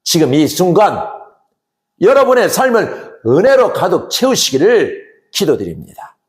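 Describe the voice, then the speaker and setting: High, lively-voiced man preaching in an echoey room. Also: measured pace. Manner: earnest preaching with emphatic rises and hushed drops. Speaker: pastor. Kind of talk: sermon. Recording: roomy echo.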